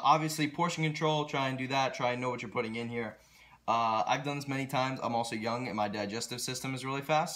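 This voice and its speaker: A young adult man vlogs in a home kitchen, talking casually to viewers in a mid-range, fairly bright voice. He's enthusiastic and earnest, recorded by a camera held about arm's length away.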